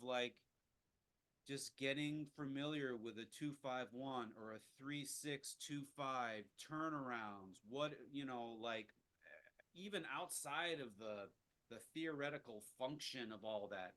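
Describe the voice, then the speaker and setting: A man's voice: mid-range voice, measured pace, fairly bright tone. A man leading a casual jazz improvisation lesson, rambling with lots of restarts and fillers. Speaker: jazz teacher.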